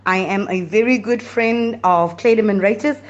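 A woman pastor with a South African accent, sending an excited recorded voice note to a radio show, often saying "you know". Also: medium pitch, normal speed, highs cut off. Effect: recorded voice note played on air.

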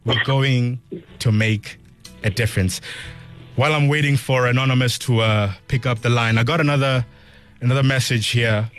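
A man's voice: medium pitch, steady tone, normal speed, fairly bright tone. A South African man presenting a morning radio show like a DJ, speaking earnestly and emphatically, repeating phrases as he appeals to listeners. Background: music under the voice.

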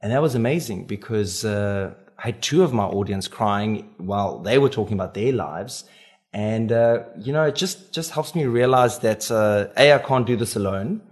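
A man's voice: lowish voice, expressive, normal speed. Chatty South African man, radio guest. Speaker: author guest on a radio show. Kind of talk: casual interview chat.

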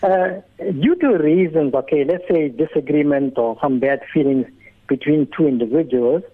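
A man speaks over a narrow, phone-like line, and his voice comes through husky. He sounds hesitant, pausing and searching for his words as he puts his question to the radio show. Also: fairly high pitch. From South Africa. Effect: heard over the phone. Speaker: caller.

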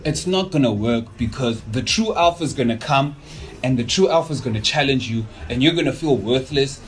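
A man's voice: mid-range voice, lively intonation, a little fast. A young man chatting casually as a podcast guest, slangy and rambling, often repeating his words.

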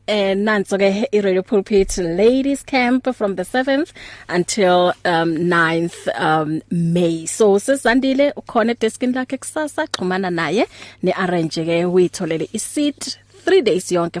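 A woman's voice: mid-range voice, no echo. A woman with a South African Zulu accent presenting on radio, making announcements and chatting. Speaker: radio host.

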